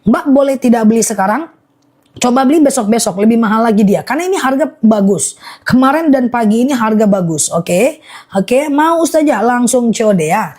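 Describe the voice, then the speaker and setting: A woman selling honey on a live stream, reading viewer comments aloud and repeating prices and reassurances in a brisk, repetitive way. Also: on the high side, animated, a little mellow.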